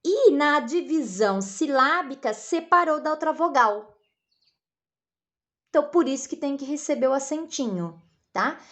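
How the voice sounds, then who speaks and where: A woman's voice: sits high, fairly bright tone. A Brazilian woman teacher explaining a lesson to children patiently, spelling out syllables and checking in often. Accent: Brazilian Portuguese. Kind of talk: recorded classroom lesson for children.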